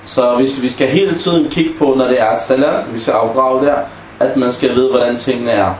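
A man's voice: mid-range voice, steady tone. A man teaching a class on Islamic legal maxims, often asking the students questions and acting out short example dialogues. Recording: echoey room with faint background noise.

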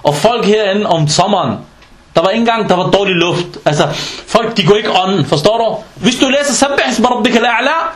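High-pitched man preaching in an echoey mosque. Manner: animated storytelling with rhetorical questions; mixes in Arabic religious terms. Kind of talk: humorous sermon.

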